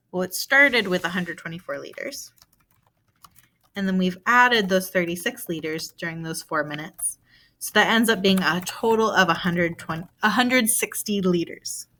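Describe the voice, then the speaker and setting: A woman with a bright, clear voice talks through a math word problem in a recorded video lesson. She is patient and steady, posing questions aloud and then answering them herself. Her pitch sits in a middle range for a woman. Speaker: math teacher.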